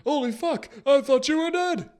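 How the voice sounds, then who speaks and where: A crazed ancient wizard rambles in a piercingly high, cracking register far above any ordinary speaking voice. He trails off mid-thought, circles back, and bristles at any slight. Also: normal speed, darkish tone. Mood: shrill rambling. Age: older. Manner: scatterbrained, indignant, rambling with trailing restarts. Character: mad, rambling ancient human wizard man.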